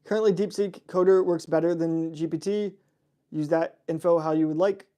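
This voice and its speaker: A young streamer answers viewer chat in a casual livestream Q&A, reading each question out before responding. His mellow voice is on the high side, steady in tone and at normal speed, and he's chatty and laid-back with lots of laughs and fillers.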